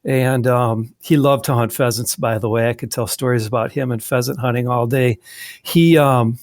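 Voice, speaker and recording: A magazine editor from southwestern Wisconsin chats as a guest in a casual interview, rambling with frequent restarts and fillers. His medium-pitched voice keeps fairly even intonation at a moderate pace, captured on a dry, close mic.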